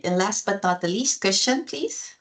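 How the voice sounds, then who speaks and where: A woman's voice: medium pitch, expressive, normal speed. A woman HR officer hosting an online presentation over a video call, speaking with frequent fillers and restarts.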